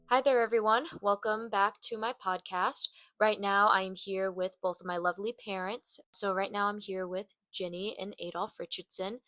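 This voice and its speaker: A woman's voice: mid-range voice, fairly even intonation, moderate pace, hardly any pauses, fairly bright tone, dry recording. Young woman podcast host, friendly questions, dry close sound, faint music underneath. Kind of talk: podcast interview.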